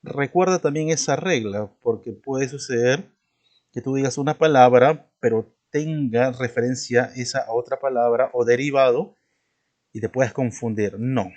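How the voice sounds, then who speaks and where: A male teacher giving a patient spelling lesson. He talks at a middle pitch, explains step by step and keeps checking in with his listener through repeated tag questions. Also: normal speed, a little mellow, muffled recording.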